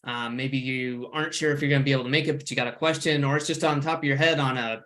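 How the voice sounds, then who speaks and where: A man co-hosting a live online question-and-answer show, chatty and relaxed with many fillers. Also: mid-range voice, fast. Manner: relaxed, filler-heavy announcer. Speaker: co-host. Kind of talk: casual webinar chat.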